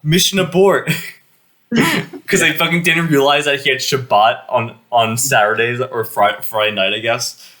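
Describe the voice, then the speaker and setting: A man's voice: medium pitch, fairly even intonation, normal speed, sharp tone. A young man co-hosting a casual movie podcast, giggling and full of fillers. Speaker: podcast co-host.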